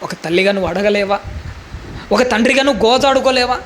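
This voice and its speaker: A man's voice: sits high, fairly quick, a bit bright, a little hiss or hum. A male preacher giving a sermon in a fervent, pleading manner, full of rhetorical questions.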